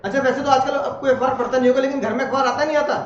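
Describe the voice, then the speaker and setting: High-voiced man teaching a lively class. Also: very fast, slight background noise. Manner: chatty, asks the class questions and jokes. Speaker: law teacher. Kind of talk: classroom lecture. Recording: roomy, distant, dull classroom recording.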